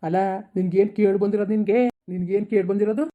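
A woman plays an indignant parent who scolds sharply. The talk comes quickly. The sound is thin and tinny, like a phone line. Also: medium pitch, level tone, lightly acted. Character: indignant parent defending the daughter.

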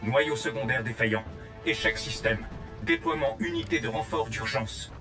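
Ephemeris, a robotic computer rebooting. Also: male voice, lowish voice, normal speed. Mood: cold. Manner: flat clipped system announcements and countdowns. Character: cold male station computer announcing reboots. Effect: robotic computer announcer voice. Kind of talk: video game dialogue. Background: loud game music.

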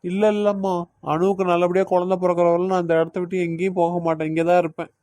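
A man's voice: high-pitched, level tone, fast talker, dark tone, no room sound, natural voice. Anxious young cartoon husband, played by a man, pleading, dry close sound, Kanyakumari Tamil accent. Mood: worried. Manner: worried, pleading.

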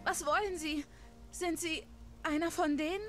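A woman's voice: very high-pitched, fairly even intonation, a little slow, a bit bright, soft background music. An actress playing a frightened former slave woman in a dubbed video game, speaking in a fearful, pleading way.

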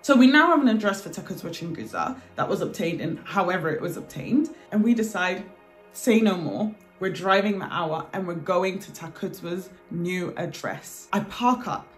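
A woman telling her own story in a lively, dramatic way, acting out what people said. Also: fairly low pitch, normal speed, faint music behind. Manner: animated, dramatic retelling with acted quotes. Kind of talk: personal storytelling to camera.

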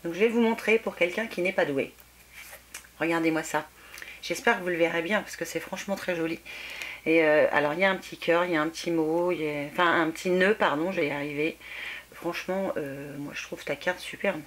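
A woman with a French accent chatting casually as she unboxes a gift parcel on her beauty vlog, exclaiming often and filling pauses with "euh". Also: lowish voice. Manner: chatty, exclaiming, many fillers. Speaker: beauty vlogger.

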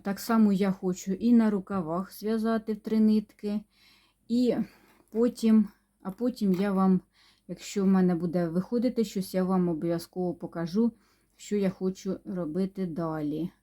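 A woman chatting unhurriedly about her knitting projects, pausing and humming as she talks, sometimes dropping to a near-whisper. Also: medium pitch, steady tone, warm tone. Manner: unhurried, chatty, with many pauses and hums. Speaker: knitting vlogger. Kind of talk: casual show-and-tell chat.

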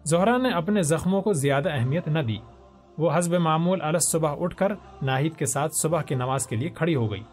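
A man reading a historical story aloud as narrator, with a measured, expressive delivery. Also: a little high, soft background music.

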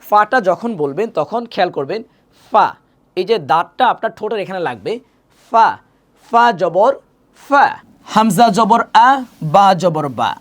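A Quran reading teacher giving an online lesson, patiently spelling out Arabic letters and vowel marks syllable by syllable and repeating drills. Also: mid-range voice. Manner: patient, asks questions to the learner and answers them.

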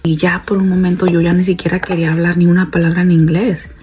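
A young woman talks straight to her viewers in a loose, chatty vlog, circling back and repeating herself. Her voice sits a little low, dark and mellow in tone, with a very husky, breathy texture. Soft music plays faintly behind her. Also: flat delivery, fast. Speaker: vlogger. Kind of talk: casual chat to viewers.

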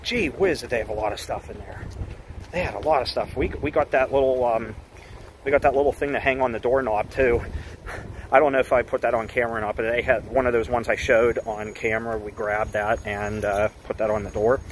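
A man's voice: medium pitch, steady tone, a little fast, a little hiss or hum, poor audio. A man from the Pittsburgh area chatting casually for his vlog, upbeat and rambling as he reminisces. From Pittsburgh area, Pennsylvania. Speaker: vlogger. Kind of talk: casual chat.

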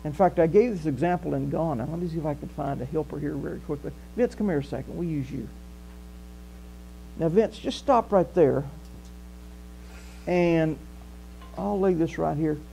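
This older Southern preacher has a fairly high, gravelly voice, a moderate pace and frequent pauses. He speaks conversationally to a small church hall, gesturing with energy as he walks the stage, with a faint mains hum in the background.

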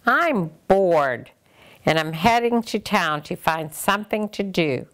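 A woman voicing a bored, bossy female hen who clucks in high squawks. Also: lively intonation, slow pace, a bit bright.

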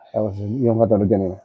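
A man working as a bone setter, calmly coaching a client to relax, breathe in and breathe out. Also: on the low side, breathy edge, no room sound, dull audio. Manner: coaxing, repeats calm instructions. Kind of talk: guiding a client through a massage.

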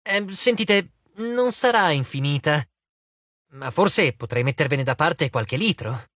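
A man's voice: a little high, expressive, takes it slowly, a bit bright, dry recording, full character voice. A man voicing a hesitant, awkward teenage boy in an audiobook. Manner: hesitant, hedging. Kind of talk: audiobook character voice.

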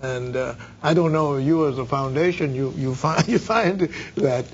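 An older man from the Bahamas interviewing a guest in a TV studio, halting, with many repeated words and fillers. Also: medium pitch, lo-fi sound, slight background noise. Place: dark TV studio. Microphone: lapel mic.

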